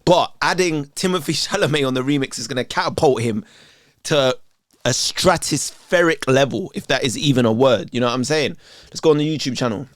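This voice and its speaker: A man's voice: medium pitch, a little fast, no room sound, studio quality. Chatty man giving a reaction. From England. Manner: chatty, streetwise, says "you know what I'm saying" often. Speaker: reaction video host. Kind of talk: casual reaction commentary.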